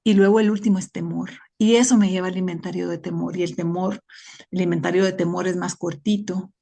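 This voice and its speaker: A middle-aged woman in a recovery group shares her personal story in a reflective, conversational way, often checking in with her listeners. Her voice is lowish, gravelly, and warm, with a steady tone and a fairly quick pace.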